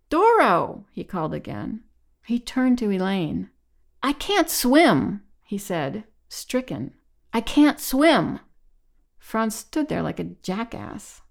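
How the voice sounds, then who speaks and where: A woman reading a novel aloud in measured, even audiobook narration. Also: mid-range voice, vocal fry.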